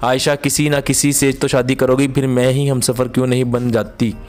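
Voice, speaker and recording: A man's voice: medium pitch, level tone, moderate pace, darkish tone, faint music behind, lightly acted. A man voicing a persistent, cheeky young man pleading his love in an office. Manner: pleading, affectionate.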